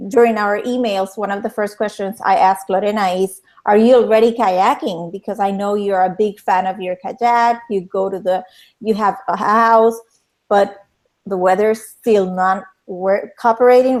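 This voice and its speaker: A woman from Puerto Rico with a Puerto Rican Spanish accent, hosting a talk show interview in a lively way, with many fillers and restarts. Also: mid-range voice, a little slow.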